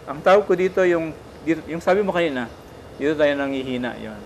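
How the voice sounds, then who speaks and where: Gentle priest, teaching tone. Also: male voice, a little high, animated, a little fast, slight background noise. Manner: gentle, teaching, often asks "di ba?". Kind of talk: casual spiritual talk.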